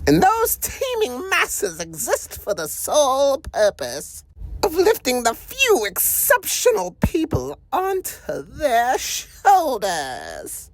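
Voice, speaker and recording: A man voicing a taunting, menacing supervillain goblin in a theatrical, drawn-out villain monologue. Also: creaky, fairly bright tone, no echo, heavily acted. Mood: scornful, grandiose. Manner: theatrical, drawn-out taunting delivery with sudden pitch swoops. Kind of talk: villain monologue, amateur voice acting.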